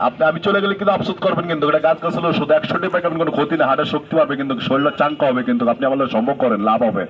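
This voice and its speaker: A man's voice: fairly high pitch, very fast, highs cut off, slight background noise. A man with a colloquial Bangladeshi accent selling medicine on the street in insistent, repetitive barker-style patter. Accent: Bangladeshi colloquial Bengali.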